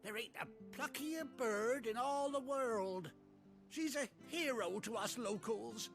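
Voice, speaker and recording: An actor playing a chatty, excitable rustic villager in a video game, talking in a folksy, colloquial way. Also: male voice, very high voice, takes it slowly, heavily acted. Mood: excited. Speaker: game character. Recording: game audio with loud music. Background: game music.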